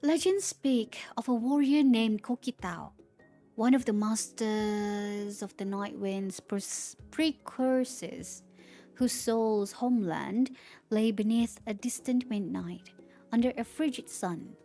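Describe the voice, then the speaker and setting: A woman's voice: a little high, takes it slowly, warm tone, soft background music. A woman streamer reading game lore aloud, stumbling over words and breaking off to react.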